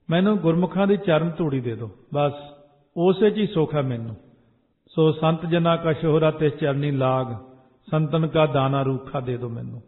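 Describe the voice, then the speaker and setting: A man giving scripture exposition, slowly chanting verses and then explaining them in plain speech. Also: a little high. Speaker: Sikh preacher. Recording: echoey hall, tinny phone-like sound.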